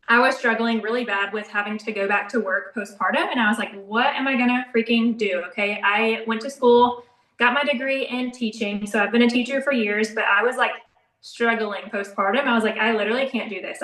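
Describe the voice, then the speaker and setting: A woman's voice: on the high side, bright, forceful tone. A young woman, talking casually and laughing often as she tells her story from an echoey bathroom. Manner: chatty, quick and informal, laughs often. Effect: echoey bathroom sound. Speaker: co-presenter in an online coaching session. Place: small home bathroom, indoors. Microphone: live video call, away from the mic. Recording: echoey room, voice a bit far off.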